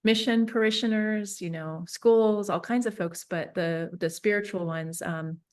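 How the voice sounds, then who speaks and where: A woman from Northern California, a peacemaker and facilitator, talking through her thoughts in an interview with many pauses and restarts. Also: medium pitch, a little mellow. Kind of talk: reflective interview talk.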